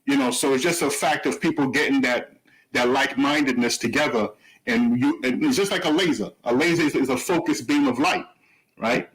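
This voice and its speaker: A man's voice: medium pitch, brisk, rough recording. A man co-hosting a radio talk show, speaking reflectively and explaining his points with analogies and many fillers. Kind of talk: casual radio discussion.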